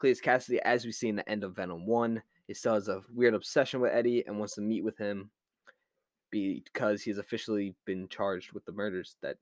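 A man's voice: on the low side, fairly even intonation, brisk, dry recording, clean studio sound. A man with a Delaware County, Philadelphia accent, chatting casually as he hosts a film review podcast. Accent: Delaware County, Philadelphia area. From Delaware County, Pennsylvania, USA. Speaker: podcast host.

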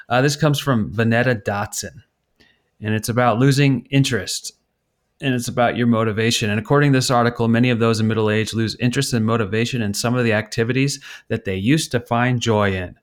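A middle-aged man co-hosting a podcast in casual comedic chat, teasing his friend while reading articles aloud. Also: lowish voice. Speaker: podcast co-host.

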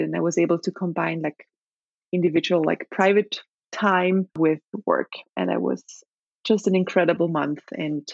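An Austrian travel blogger in her thirties, a native German speaker with an Austrian accent, chats thoughtfully as a guest on a podcast, restarting often and using many fillers. Her voice is lowish and gravelly. The audio has no echo, and its highs are cut off.

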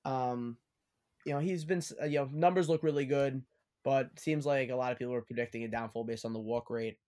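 A man's voice: medium pitch, fairly even intonation, a little fast, warm tone. A man hosting a casual sports podcast with friends, running the segments and trading takes. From Long Island. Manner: chatty, runs the segments. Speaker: podcast host.

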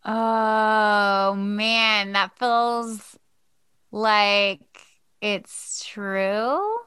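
A woman's voice: mid-range voice, fairly even intonation, extremely slow, bright, forceful tone, clear, resonant tone. A woman co-hosting a casual podcast chat, guessing playfully and filling her talk with "like". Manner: chatty, lots of "like", playful guessing. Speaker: podcast co-host.

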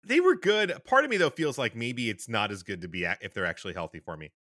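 A man's voice: medium pitch, sing-song, quick pace, sharp tone, no room sound, studio quality. A man co-hosting a podcast in casual chat, rambling with fillers and restarts. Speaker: podcast co-host.

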